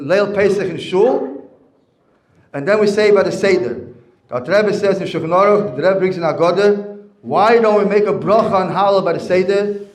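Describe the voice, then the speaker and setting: Rabbi, male, high voice, teacherly, restates points, roomy echo. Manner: teacherly, repeats and restates phrases. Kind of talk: Torah lesson with storytelling. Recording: echoey room.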